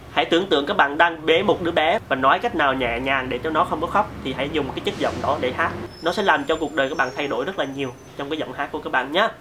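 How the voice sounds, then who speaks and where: Brief: male vocal coach, somewhat high voice, relaxed and joking, talks straight to camera. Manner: chatty and joking, addresses viewers directly. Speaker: singing teacher. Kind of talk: casual video singing lesson.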